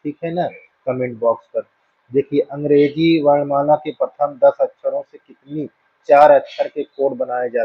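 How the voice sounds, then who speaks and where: A man with a husky, mid-range voice teaches a school maths lesson, patiently working through counting problems and often making sure students are following. The recording has a dull, dry, lo-fi room sound.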